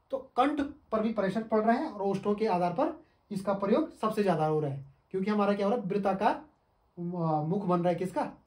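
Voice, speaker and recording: A male teacher giving an exam-prep lesson, who asks the class questions, answers them himself and sounds out syllables slowly. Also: sits high, a little mellow. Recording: echoey room, mic at a distance.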